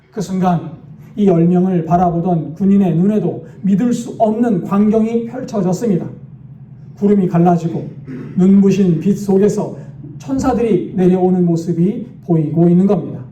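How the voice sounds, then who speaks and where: A male pastor tells a dramatic story as part of his sermon, and his high voice has a dark, mellow tone. He sounds roomy and a bit dull, recorded from a distance with faint room noise behind him. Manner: vivid storytelling, dramatic retelling. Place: church sanctuary.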